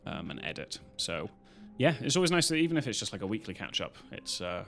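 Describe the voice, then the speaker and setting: A British man streams live, his lowish voice brisk, sing-song, creaky and a bit bright over faint background music. He chats casually and rambles in loosely linked talk, with some casual swearing.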